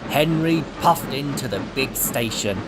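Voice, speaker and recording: A man reading a children's storybook aloud as narrator, expressive and unhurried. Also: medium pitch, noisy background.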